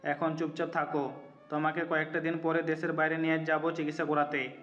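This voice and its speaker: A man plays an earnest, remorseful young man in a romantic audio drama. His voice sits on the high side with very little melody. He speaks in a measured way, muffled, with music underneath. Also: monotone, a bit bright, natural voice. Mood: gently caring. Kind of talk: scripted romantic audio story acting.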